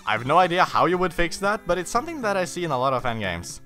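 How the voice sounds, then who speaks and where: Dude rambling over a fan game, lively bright voice, fillers everywhere, bit of game music under it. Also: male voice, on the high side, fast. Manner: rambling, chatty, many fillers and self-corrections. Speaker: let's player. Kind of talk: casual gameplay commentary.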